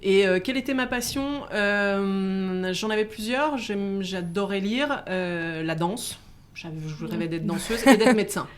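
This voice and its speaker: A middle-aged woman, born in Italy and raised in France, answering interview questions in a halting way with many fillers and restarts. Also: mid-range voice. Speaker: guest. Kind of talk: casual interview.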